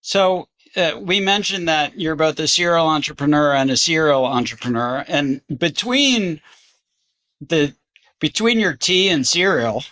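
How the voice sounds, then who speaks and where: A man hosts a podcast interview, prompting his guest with short questions and warm encouragement. His voice sits a bit above the usual male pitch. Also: unhurried. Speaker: podcast host. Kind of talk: casual interview chat.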